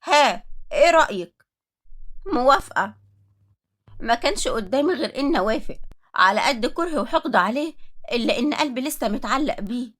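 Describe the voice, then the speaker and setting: A woman's voice: a little high, animated, quick pace, a bit bright. A woman with an Egyptian Arabic accent narrating a dramatic story in the first person.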